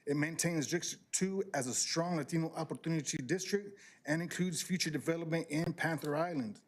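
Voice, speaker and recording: Man reading a public comment. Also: fairly high pitch. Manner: measured, halting with fillers. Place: city council chamber.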